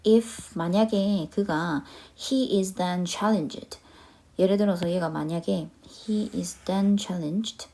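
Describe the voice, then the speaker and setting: A young adult woman teaching an online lecture, reading phrases slowly and explaining them quickly with frequent checking questions. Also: fairly low pitch, mellow. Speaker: English teacher.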